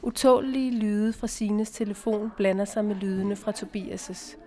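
Female audiobook narrator, calm steady delivery, medium pitch.

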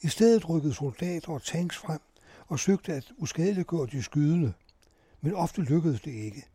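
A man calmly narrating a first-person eyewitness account in a measured storytelling manner. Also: a little high, breathy edge, no echo.

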